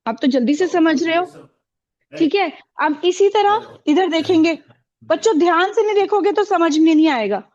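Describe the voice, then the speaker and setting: A woman's voice: very high-pitched, lively intonation, moderate pace, darkish tone, lo-fi sound. A woman teaching a classroom, asking the pupils questions and repeating their answers with encouragement.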